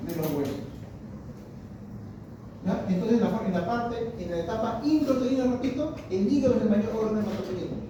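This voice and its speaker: A histology professor with a Peruvian Spanish accent and a high voice lectures his class, repeating himself, restarting phrases and posing questions to students. A distant room mic captures him from afar in a very echoey classroom, with steady room noise behind him.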